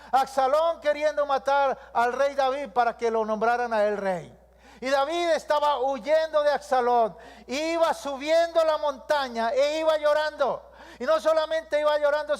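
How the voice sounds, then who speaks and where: Pastor guy preaching, really high voice, lots of repeat-after-me lines, big echoey church. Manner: call-and-response preaching with repeated lists. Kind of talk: sermon. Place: church hall. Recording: long reverb of a church hall.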